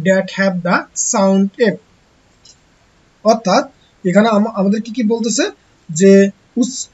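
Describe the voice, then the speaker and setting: A teacher gives an online textbook lesson to young pupils. The teacher asks rhetorical questions and answers them, slowly repeating key words. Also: mid-range voice, a little mellow, husky, dull audio.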